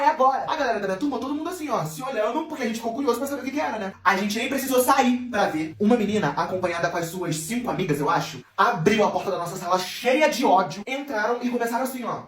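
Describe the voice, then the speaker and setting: A man telling a gossipy school story in an animated, chatty way. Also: sits high, reverberant. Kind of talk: casual spoken storytelling.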